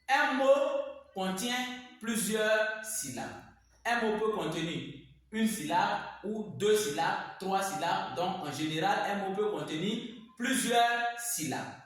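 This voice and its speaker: A man teaching a reading lesson, explaining slowly and repeating words syllable by syllable at the board. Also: sits high, a bit bright. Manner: slow, repetitive, spells words by syllables. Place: classroom with a board. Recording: echoey room, mic far off.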